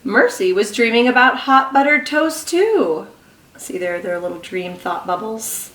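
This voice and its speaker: In an echoey room, a woman kindergarten teacher, recorded from a distance, reads a story aloud to little children. Her slightly high voice is expressive and encouraging, and she pauses to put questions to them.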